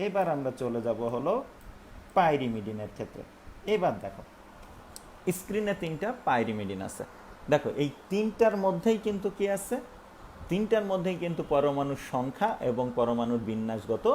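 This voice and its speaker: A man's voice: medium pitch, a little mellow, a little hiss or hum. A male teacher giving a recorded online lesson, explaining step by step and asking and answering his own questions. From Bangladesh.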